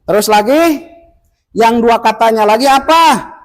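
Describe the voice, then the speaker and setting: A man teaching tajwid to a group of village men, explaining rules patiently and chanting examples slowly. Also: extremely high pitch, poor audio. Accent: Indonesian. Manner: patient and instructive, chants verses slowly to demonstrate. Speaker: Quran recitation teacher. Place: village study gathering indoors.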